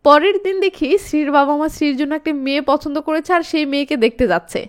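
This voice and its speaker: A woman narrating a movie recap in a lively storytelling way, reading every character's dialogue in her own voice. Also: sits high, fast talker, soft background music.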